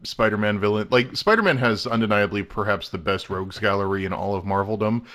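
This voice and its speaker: A man's voice: fairly low pitch, fairly quick, fairly bright tone. A man in casual chat, wry and teasing in his remarks.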